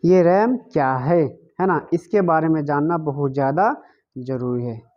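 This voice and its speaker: Male teacher, slow deliberate pace, grammar lesson, answers his own questions, dull lo-fi sound. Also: a little high. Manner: asks questions and answers them himself, repeats key words. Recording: dull lo-fi recording.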